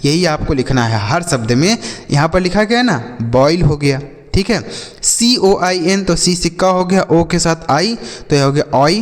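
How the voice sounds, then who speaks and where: A man's voice: a little high, big-room sound. A man teaching a phonics lesson, spelling words letter by letter and asking questions that he answers himself. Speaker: English teacher.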